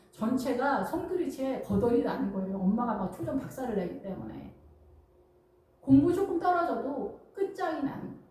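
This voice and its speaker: A middle-aged woman pastor preaching a lively, humorous sermon, acting out quoted voices and often laughing. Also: on the high side, heavy reverb, far from the mic, poor audio. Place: church.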